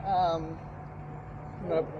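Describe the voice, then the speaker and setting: A woman in her forties with an Australian accent, chatting casually about riding, slangy and quick to laugh. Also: low-pitched, flat delivery, dull audio, slight background noise. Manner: laid-back, slangy, laughs often. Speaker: podcast guest, motorcycle rider. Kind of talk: casual chat.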